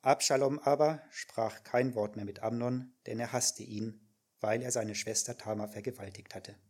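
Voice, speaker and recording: A man reading scripture aloud in church with steady, even narration. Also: mid-range voice, moderate pace, slightly rough. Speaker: scripture reader.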